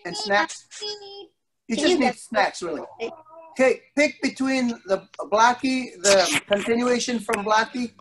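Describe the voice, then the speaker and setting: Over a video call from an indoor studio, a middle-aged man teaches a class of young kids, telling stories playfully with exaggerated surprise and stretched-out words. His voice is extremely high with lively intonation, picked up by a nearby device mic in a rough recording full of crowd noise, background noise, and clicks.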